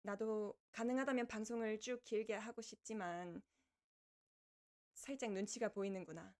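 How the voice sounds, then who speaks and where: A woman's voice: mid-range voice, steady tone, normal speed, a little mellow, natural voice. A woman voicing a kindly, lordly female reaper from the underworld who chats to livestream viewers in archaic speech. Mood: composed, announcing. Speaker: virtual streamer hosting a debut live broadcast. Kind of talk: in-character livestream chat with viewers.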